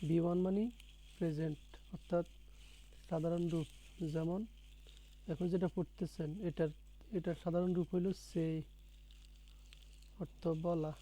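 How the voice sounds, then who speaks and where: A man's voice: fairly high pitch, flat delivery, a little slow, pauses often, dark tone, rough recording. A man teaching a one-on-one spoken English lesson, patiently repeating words and quizzing his student.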